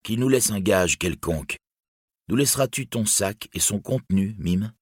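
A man's voice: lowish voice, animated, moderate pace, breathy edge, no room sound, studio quality. A man doing a grave outlaw captain. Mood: commanding. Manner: grave, commanding. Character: young male outlaw captain, stern but merciful.

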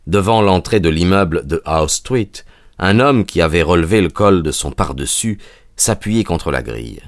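A man narrating an audiobook in a measured storytelling manner. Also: sits low, expressive, dry recording, clean studio sound.

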